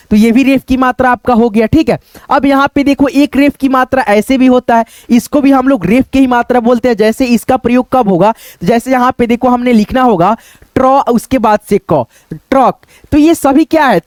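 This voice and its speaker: A man teaching how to read difficult Hindi words, sounding out each syllable slowly and repeating words, often checking in with his viewers. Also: very high-pitched, a little mellow, no echo. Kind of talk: step-by-step spelling lesson.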